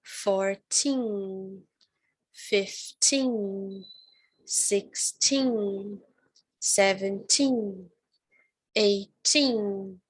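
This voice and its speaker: A woman's voice: high-pitched, a bit bright. A woman teaching an online English lesson, drilling words with exaggerated stress and checking in often with her viewers.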